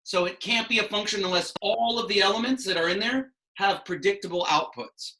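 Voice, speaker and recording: A man's voice: high voice, fairly quick, sharp tone, low-quality recording. A man in his thirties teaching a math class online from a small room at a whiteboard, patiently asking questions and explaining step by step.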